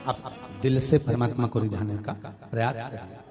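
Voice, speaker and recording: A man's voice: mid-range voice, fairly even intonation, moderate pace. A middle-aged man preaching a devotional sermon, exhorting his listeners and repeating phrases for emphasis. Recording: devotional music playing behind.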